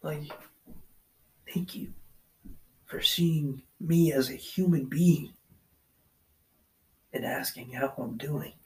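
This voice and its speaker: A man's voice: on the high side, slow pace, long pauses. A man hosting his own podcast, talking in a loose, profane, rambling monologue while pacing in a basement. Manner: profane, loose and chatty, lots of fillers. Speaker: podcast host. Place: basement, pacing back and forth. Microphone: extension-wired mic, uneven level.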